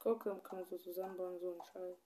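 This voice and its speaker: A woman's voice: fairly low pitch, level tone, quick pace, warm tone, a little hiss or hum. A teenage girl chatting casually with a friend, giggly and playful. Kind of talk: casual chat.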